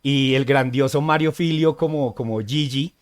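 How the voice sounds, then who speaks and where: A man co-hosting a casual podcast, chatty and easygoing, who often pauses on "eh" and checks in with "¿sí?". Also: mid-range voice, smooth. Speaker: podcast co-host.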